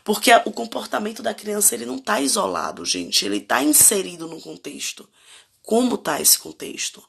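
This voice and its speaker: A woman's voice: medium pitch, huge pitch swings, moderate pace, vocal fry, fairly bright tone, slightly rough. A Brazilian woman in her thirties hosting a live stream on parenting, reflective and asking her viewers direct questions. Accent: Brazilian Portuguese. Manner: reflective, asks the audience many direct questions.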